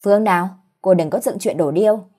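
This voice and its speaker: A woman's voice: medium pitch, fairly quick, warm tone, close to an everyday voice. A woman voicing a scornful middle-aged mother-in-law who scolds shrilly, in a spoken story. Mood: scolding.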